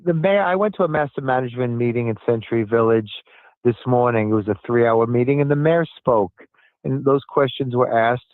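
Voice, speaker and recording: A man's voice: mid-range voice, no room sound. Older man on a tinny phone line. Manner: earnest, emphatic, repeats his points. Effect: heard over a cell phone line. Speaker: city commissioner calling in as a guest. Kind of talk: phone-in interview answers.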